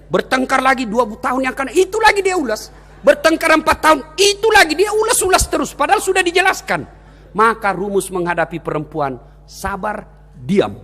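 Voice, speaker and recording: A male preacher, telling jokes and stories at full tilt and often breaking into a shout. His voice sits high and swings wildly in pitch. A long hall reverb rings after each line. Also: a little fast. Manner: animated, shouting, joking storyteller. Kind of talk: comedic sermon.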